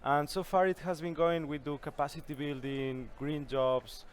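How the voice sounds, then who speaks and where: A man's voice: a little high, steady tone, normal speed. A young man, speaking earnestly as an interview guest at a conference. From Ecuador. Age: young adult. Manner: earnest, with a few restarts. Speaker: youth climate coalition founder, guest. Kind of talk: conversational interview answers. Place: busy conference venue.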